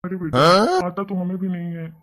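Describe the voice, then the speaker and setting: A man's voice: high voice, fairly quick, fairly bright tone. A man voicing a grumpy older father in a cartoon story, grumbling and scolding. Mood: coaxing. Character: grumpy older father, husband of the mother-in-law. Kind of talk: cartoon voice acting.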